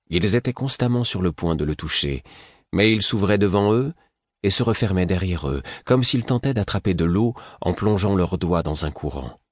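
A man reading a first-person fantasy audiobook in a measured, grave manner. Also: deep voice, no echo, studio quality. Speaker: audiobook narrator.

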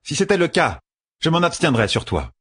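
A stern, blunt matriarch healer, put on by a male audiobook reader in a lifted, lively voice. She barks short orders and scolds without softening. The voice is husky around the edges. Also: fairly high pitch, a little fast, voice pushed up, exaggerated voice. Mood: firm. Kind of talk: audiobook character voice.

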